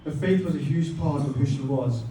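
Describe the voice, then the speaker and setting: A man delivering a eulogy to a gathering, speaking with dignified, measured grief and reverence. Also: medium pitch, warm tone. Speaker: son giving a eulogy. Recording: distant, echoey, faint noise, muffled.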